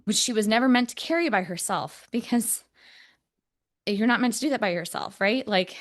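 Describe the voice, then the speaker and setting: A woman's voice: fairly high pitch, moderate pace. A woman co-hosting a podcast, talking in an earnest, reflective way with many fillers, close to tears. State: emotional, near tears. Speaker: podcast co-host. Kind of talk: casual podcast conversation.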